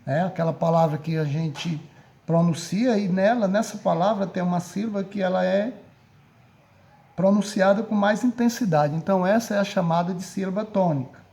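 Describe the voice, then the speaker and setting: A man's voice: high voice, normal speed, vocal fry, dark tone. A man with a Brazilian Portuguese accent teaching a recorded grammar lesson, speaking patiently and often checking in with his students. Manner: patient, repeats and checks with "certo?".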